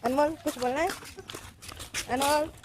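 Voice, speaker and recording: A chatty woman vlogger with a slightly high voice, talking casually to her viewers about her day. She turns heated and emphatic when something annoys her. Clear background noise runs under the recording. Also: fairly even intonation, measured pace. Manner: chatty, talks straight to viewers. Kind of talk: casual daily vlog chat.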